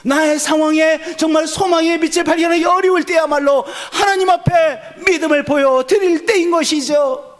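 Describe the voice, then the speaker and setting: A man in his sixties preaching a sermon, asking the congregation questions and answering them, moving from loud urgent peaks to low hushed endings. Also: fairly even intonation, moderate pace. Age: 60s. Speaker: pastor.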